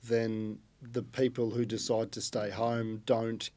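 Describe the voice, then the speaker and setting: A man's voice: on the low side, level tone, slow, mellow. A man hosting a podcast interview, pressing his guest with probing, challenging questions. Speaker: podcast host.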